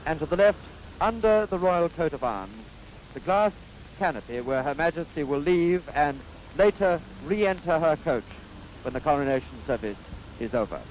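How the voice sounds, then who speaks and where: A man with a slightly high, animated voice narrates a 1950s newsreel in formal, stately, measured phrases and a Received Pronunciation British accent. The vintage soundtrack is low-quality, with a little hiss or hum.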